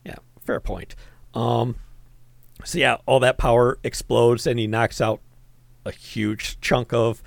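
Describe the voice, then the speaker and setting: A man co-hosting a casual movie-review podcast, animated and quick to react. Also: medium pitch, gravelly, no room sound. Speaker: podcast co-host.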